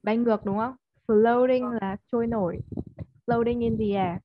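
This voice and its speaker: A woman's voice: fairly high pitch, steady tone, normal speed, noisy background. A Vietnamese-speaking woman teaching an online English lesson, modelling stressed words and often checking with her student. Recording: slightly dull, dry audio.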